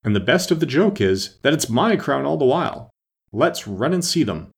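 A man voicing a fretful, excitable old storybook king with a fussy, exclaiming manner. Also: mid-range voice, normal speed, gravelly, husky, voice pushed up, heavily acted. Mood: eager.

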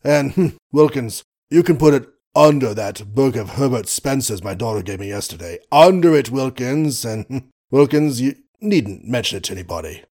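A male narrator puts on a gruff old colonel, blustering and fond, his voice swinging widely up and down in bursts of mock outrage. He mutters oaths and chuckles at his own jokes, in a storybook reading. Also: medium pitch, animated, normal speed, a little mellow, close to an everyday voice. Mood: sheepish. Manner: blustery, chuckling, swearing mildly.

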